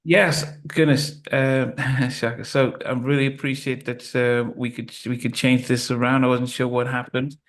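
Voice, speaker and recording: A middle-aged man from Liverpool and Nigeria hosting an interview, speaking haltingly with many ums. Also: mid-range voice, flat delivery. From raised in Liverpool and Nigeria. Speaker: podcast host.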